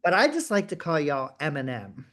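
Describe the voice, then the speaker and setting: Playful man with a lively voice. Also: on the high side, normal speed. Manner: playful, excitable, jokey. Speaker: co-host. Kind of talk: video call interview.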